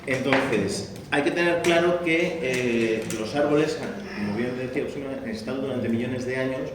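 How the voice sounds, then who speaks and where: A man giving a public talk on bonsai growing, explaining with many pauses and fillers. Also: medium pitch. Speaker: bonsai speaker. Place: exhibition hall. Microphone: far from the mic. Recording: very echoey hall, far-off mic, faint noise.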